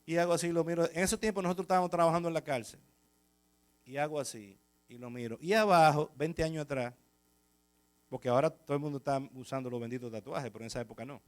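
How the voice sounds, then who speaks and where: A male pastor with a Dominican accent, preaching a sermon full of lively anecdotes and chatting with the congregation. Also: on the high side, fast. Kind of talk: storytelling sermon.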